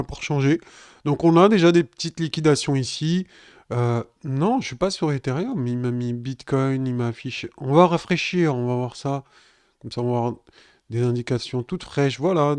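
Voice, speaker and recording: A man's voice: on the high side, a little mellow, clear, resonant tone, dry recording. A man giving casual live crypto chart analysis, chatting directly to his viewers. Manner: chatty, addresses viewers as "les gars". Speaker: crypto trading streamer.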